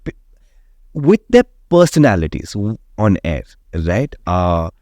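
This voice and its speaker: This radio jockey speaks in a lowish, slightly mellow voice, very animated yet unhurried, laying out his views at length in an opinionated interview and often checking in with "right?". The recording is studio quality with no echo.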